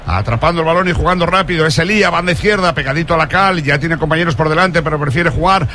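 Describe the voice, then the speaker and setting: A man with an accent from Spain giving breakneck, excited football commentary on live radio, stretching out shouted goal calls. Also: fairly high pitch, fast talker, a little hiss or hum.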